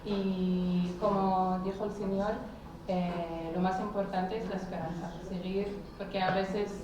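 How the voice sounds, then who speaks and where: A woman whose first language is Arabic gives a measured address with pauses, in a flat, even voice. She sounds distant in a very echoey hall. Clear background noise runs underneath. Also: mid-range voice. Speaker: invited poet speaking. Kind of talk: formal address to an audience.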